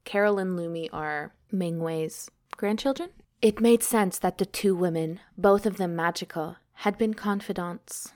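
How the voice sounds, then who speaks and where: Slow-talking woman reading a novel aloud. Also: fairly low pitch, a little mellow. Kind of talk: casual read-aloud with commentary.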